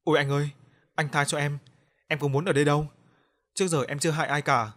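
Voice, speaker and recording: A man's voice: mid-range voice, fast, fairly bright tone, natural voice. A man doing a tearful pleading ghost girl. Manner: sobbing, pleading.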